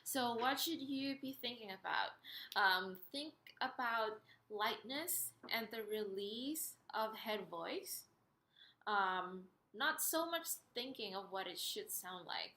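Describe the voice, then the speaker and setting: Slow-paced woman singing teacher, bright voice. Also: on the high side, lively intonation. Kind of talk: instructional vocal lesson, explaining step by step. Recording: roomy, echoey sound.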